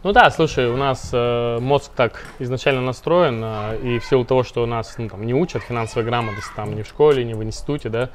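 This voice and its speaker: A man's voice: mid-range voice, brisk, hardly any pauses, slight background noise. A man, founder of a finance company, explaining money matters in a casual interview with lots of fillers and restarts.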